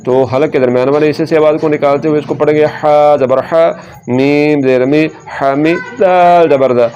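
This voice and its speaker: A man teaching Quran reading, patiently explaining and slowly sounding out syllables one by one. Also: on the high side, darkish tone. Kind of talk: recitation lesson. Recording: muffled lo-fi sound.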